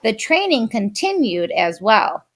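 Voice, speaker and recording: A woman expressively reading a children's picture book aloud. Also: a little high. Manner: expressive, unhurried. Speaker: storyteller.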